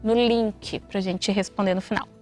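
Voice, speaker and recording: A woman's voice: medium pitch, steady tone, moderate pace, a little mellow, soft background music. A woman with a Brazilian Portuguese accent co-hosting a talk show, chatting directly to the listeners. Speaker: radio co-host. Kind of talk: talk show, addressing the audience.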